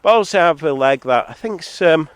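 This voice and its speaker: Brisk and lively in intonation, a congested solo vlogger, born in Zambia and now in England, delivers a rambling, argumentative monologue peppered with sardonic asides. The dry recording from his phone or camera is too hot, so it distorts and clips.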